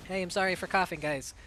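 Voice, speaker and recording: A woman streamer giving excitable live play-by-play commentary on a game match, talking through a sore throat. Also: medium pitch, slight background noise. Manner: excitable, hyped play-by-play with quick reactions.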